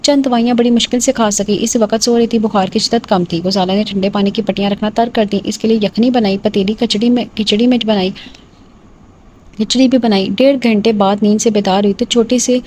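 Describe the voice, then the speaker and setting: A woman's voice: medium pitch, fairly even intonation, few pauses, dark tone, a little hiss or hum, poor audio. Woman reading a novel aloud. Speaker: novel reader.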